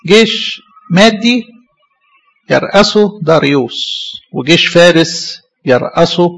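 A man's voice: fairly high pitch, lively intonation, a little slow, creaky, a bit bright. A man preaching a Bible-study sermon in an Egyptian accent, asking questions for his listeners to finish. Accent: Egyptian Arabic.

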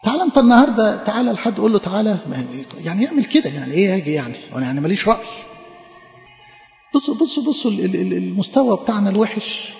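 A man's voice: sits high, big pitch swings, rapid-fire, gravelly, a little mellow, echoey room, long reverb tail, highs cut off, soft background music. A man with an Egyptian Arabic accent preaching a sermon, asking rhetorical questions and repeating words for emphasis.

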